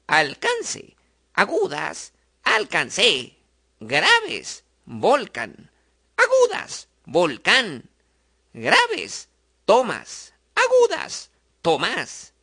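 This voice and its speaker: Female teacher voice, slow and careful, bright tone, very lively pitch, lesson narration. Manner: clear, deliberate, stresses syllables in examples. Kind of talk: scripted grammar lesson narration.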